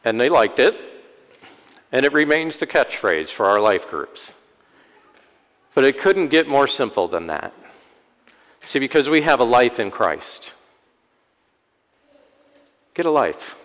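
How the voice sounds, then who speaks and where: A priest delivering a sermon in a church, with wry, self-deprecating humor. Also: male voice, medium pitch, sing-song, a little slow, pauses often, fairly bright tone. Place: church sanctuary. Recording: long church-hall reverb.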